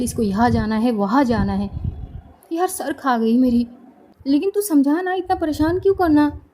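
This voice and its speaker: A woman voicing an irritated, quick-tempered young woman who complains loudly. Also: sits high, slight background noise, natural voice. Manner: exasperated, shouting complaints.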